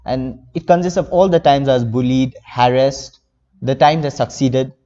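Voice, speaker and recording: Teen guy from india rambling earnestly, mellow voice, dull audio with a long reverb. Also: medium pitch, moderate pace. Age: teens. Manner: earnest, rambling with many fillers. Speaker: interview guest, young novelist. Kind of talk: casual interview.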